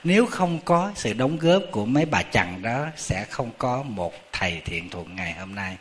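A middle-aged man, a Buddhist monk with a Southern Vietnamese accent, telling a story in a chatty, animated sermon that often turns to the audience. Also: lowish voice, moderate pace, heavy background noise.

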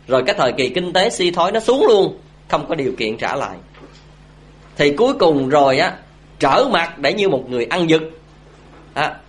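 A man's voice: a little high, a bit bright. A man giving a Buddhist dharma talk, telling a story and asking his audience questions. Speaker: Buddhist speaker.

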